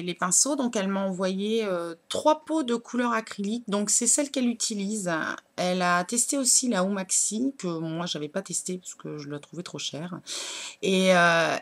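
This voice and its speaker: A woman, chatting casually as a beauty blogger while unboxing nail products, with lots of hesitant fillers. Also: medium pitch. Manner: chatty, many fillers, shows products to camera.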